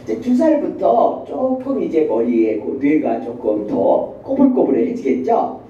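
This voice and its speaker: Lively woman professor in an echoey hall. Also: sits low, unhurried, distant mic, slight background noise. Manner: animated, acts out children and mothers. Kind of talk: university lecture. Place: classroom. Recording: echoey lo-fi classroom recording from afar.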